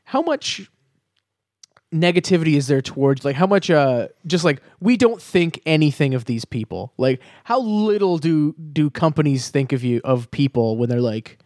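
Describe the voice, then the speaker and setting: A man's voice: fairly high pitch, lively intonation, moderate pace, a little mellow, no room sound, clean studio sound. A man co-hosting a casual comedic chat, rambling and riffing in put-on voices. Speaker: podcast co-host.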